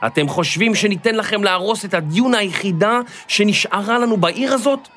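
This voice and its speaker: A man's voice: high-pitched, big pitch swings. A man voicing a brave, determined girl who speaks out at a protest in a children's storybook. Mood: defiant. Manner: forceful and defiant.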